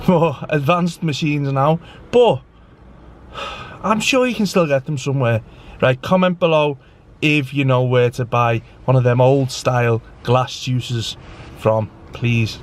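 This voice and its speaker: With a mid-range voice and a little hiss or hum on the recording, a young English vlogger chats to his camera. He rambles, teases himself, and still sounds faintly affected by the flu he's recovering from.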